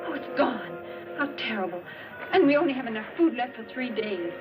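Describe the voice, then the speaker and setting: A woman's voice: a little high, animated, quick pace, far from the mic, over music, lightly acted. An actress playing an anxious young woman castaway who orders the others about. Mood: tense. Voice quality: tense, commanding. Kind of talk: 1960s film dialogue. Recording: dull old film soundtrack over loud score.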